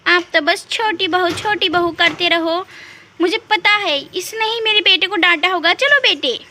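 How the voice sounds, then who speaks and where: A woman playing a rude, jealous young daughter-in-law who snaps back loudly. The voice is very high and bright. A faint hiss sits behind it. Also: unhurried, full character voice. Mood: angry. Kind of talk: doll story role-play.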